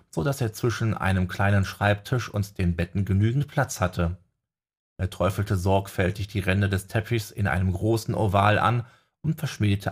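A man narrating a fantasy novel as an audiobook in a calm storytelling manner. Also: fairly low pitch, husky. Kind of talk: scripted narration.

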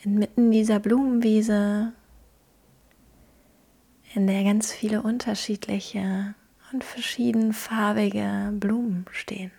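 Female meditation guide: hushed, husky-breathy near-whisper, gentle delivery with unhurried pauses. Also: medium pitch, level tone. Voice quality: soft, breathy. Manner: gentle, hushed, slow pauses between phrases. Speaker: podcast host guiding a meditation.

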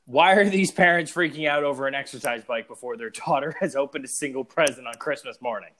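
A young man co-hosting a casual podcast, with a middle-pitched voice. He tells things with animated swings in tone. He laughs often and sometimes trails off mid-thought. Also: quick pace. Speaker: podcast co-host.

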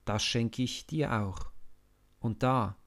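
A man's voice: medium pitch, takes it slowly, a bit bright. Man doing an earnest loyal young prince. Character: warm-hearted young prince, male, loyal friend.

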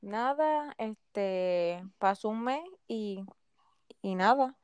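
A woman's voice: medium pitch, expressive, very slow, darkish tone, smooth, no echo. A woman sharing a personal story in casual chat, hesitant with many fillers. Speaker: podcast co-host.

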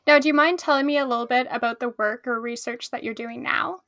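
Woman host, high pitch, measured scripted delivery, dry sound. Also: fairly bright tone, no room sound. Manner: clear, measured reading. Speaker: podcast host. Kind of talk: scripted introduction and interview.

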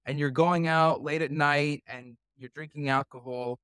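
A man's voice: on the high side, steady tone, measured pace, fairly bright tone, clear, resonant tone, dry recording, clean studio sound. A man hosting a podcast interview, talking casually and hesitantly, with many fillers and restarts. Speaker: podcast host.

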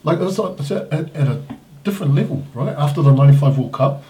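Kiwi guy doing a casual interview, mellow relaxed voice, matey, says eh a lot, slight background noise. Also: on the high side, quick pace. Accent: New Zealand. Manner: colloquial, matey, often tags lines with "eh" and "right". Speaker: interviewer, host.

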